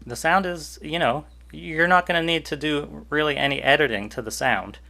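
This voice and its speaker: Chatty, bright-voiced man reviewing gear. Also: on the high side, moderate pace, gravelly. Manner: chatty, easygoing, jokey asides. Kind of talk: casual product review vlog. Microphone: cheap USB desk microphone.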